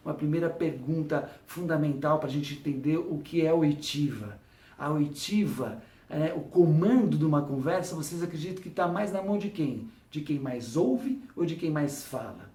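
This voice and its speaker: A man's voice: fairly high pitch, a little mellow, far from the mic. A man giving a motivational lecture to an audience. He acts out imagined dialogue and keeps asking the audience questions. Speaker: speaker. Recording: echoey room, voice from afar.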